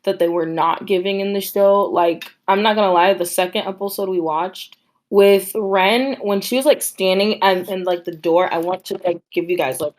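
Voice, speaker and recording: A woman's voice: mid-range voice, steady tone, moderate pace. A young woman co-hosting a casual review podcast, chatty and playful. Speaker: podcast co-host.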